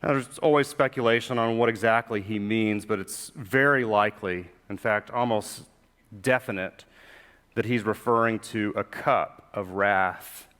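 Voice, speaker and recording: A man's voice: on the low side, clean tone. Man preaching in a reverberant church. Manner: reflective, slows for emphasis, drops quiet when quoting scripture. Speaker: pastor. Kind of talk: sermon. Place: church sanctuary. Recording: long hall reverb.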